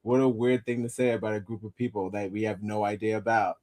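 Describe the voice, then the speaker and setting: A man's voice: lowish voice, level tone, fast, a little mellow. A man co-hosting a podcast, riffing in casual comedic commentary and laughing often. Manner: laughing, riffing, does mocking voices. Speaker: podcast co-host.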